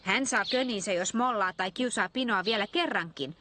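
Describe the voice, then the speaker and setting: A woman's voice: medium pitch, sharp tone, a little hiss or hum, close to an everyday voice. A woman voicing an eager, bold toy who speaks emphatically and loyally.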